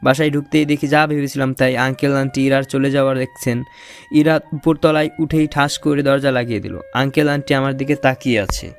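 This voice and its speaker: A man's voice: mid-range voice, fairly even intonation, a little fast, creaky. A young man narrating an audio romance story in first person, playful and teasing. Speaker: narrator and lead voice actor.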